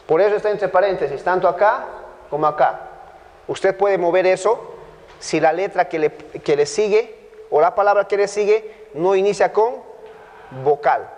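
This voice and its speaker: A man's voice: high-pitched, big-room sound. A man with a Bolivian Spanish accent teaching a biblical Greek grammar class, patiently repeating points and checking that students follow.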